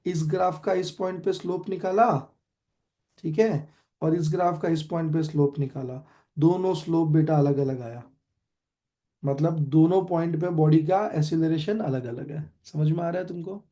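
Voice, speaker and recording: गहरी आवाज़ वाला भारतीय भौतिकी शिक्षक. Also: male voice, a little high, warm tone. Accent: Indian. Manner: quizzes students with quick questions, mixes Hindi and English. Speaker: physics tutor. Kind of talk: online classroom lecture.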